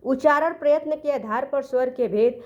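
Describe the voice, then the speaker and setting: High-pitched female teacher, exam coaching, methodical, answers her own questions. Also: muffled recording. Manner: explains step by step, asks and answers own questions; self-corrects, counts letters aloud slowly. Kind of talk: exam-prep grammar lesson.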